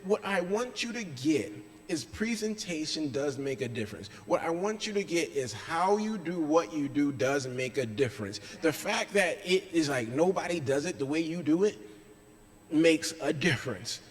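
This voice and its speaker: A man, a pastor, preaching a sermon with emphatic delivery that swings between loud stretches and hushed ones. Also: fairly high pitch, expressive, normal speed. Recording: echoey church hall.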